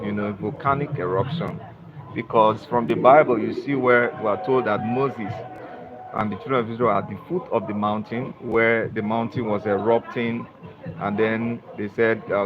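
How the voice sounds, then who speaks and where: A Nigerian-born man hosting a live stream, lecturing in a repetitive way and leaning on "you know". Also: lowish voice. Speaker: livestream host. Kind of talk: live-stream talk to viewers. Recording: dull lo-fi stream audio with music behind.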